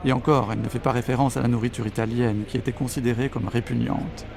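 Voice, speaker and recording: A man's voice: mid-range voice, steady tone, fast talker, gravelly, over music. A man narrating a documentary from a script, with a dramatic, ironic delivery.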